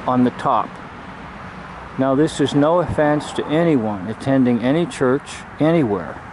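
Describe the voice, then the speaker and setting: A man talks earnestly in a measured, explanatory way as he films a building from outdoors. His voice sits at an ordinary pitch. Traffic and outdoor hum run clearly behind him on the camera mic. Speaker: video host. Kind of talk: filmed religious commentary. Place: outdoors by a church. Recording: outdoor street noise behind.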